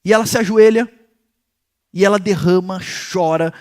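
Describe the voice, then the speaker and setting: High-voiced man teaching scripture. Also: normal speed. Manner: animated storytelling, acting out the people in the story; speaks directly to listeners as "gente". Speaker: pastor teaching a Bible study. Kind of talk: devotional Bible teaching.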